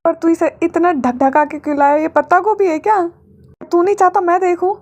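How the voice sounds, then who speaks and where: A woman voicing an excitable, dramatic young man who shouts and stammers. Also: very high voice, fairly quick. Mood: shouting.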